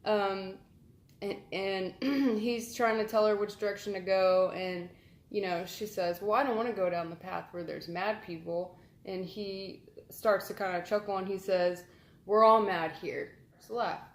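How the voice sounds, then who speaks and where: A woman's voice: medium pitch, steady tone, normal speed. Chatty woman, roomy sound. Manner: rambling, filler-heavy, amused. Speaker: vlogger. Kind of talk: casual chatty vlog. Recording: roomy echo.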